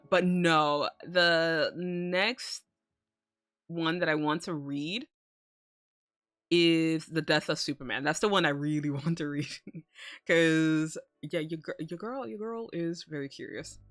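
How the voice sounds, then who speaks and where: A woman's voice: sits low, takes it slowly, pauses often, a bit bright, no room sound, studio quality. Playful, cutesy woman streamer over music. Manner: casually sweary. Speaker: streamer hosting a live stream. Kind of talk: casual live-stream chat to viewers.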